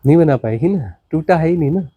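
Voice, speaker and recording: A man's voice: expressive, a little fast, mellow, slightly rough, dry recording. A man, a spiritual teacher, gives a satsang discourse, repeating words and asking rhetorical questions. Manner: repetitive, rhetorical questions, dramatic swings of pitch.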